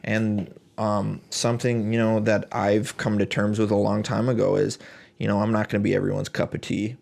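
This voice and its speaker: Podcast co-host, male, low fry-edged voice, flat delivery, thoughtful and hesitant. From United States. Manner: reflective, halting with many fillers. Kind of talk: casual chat.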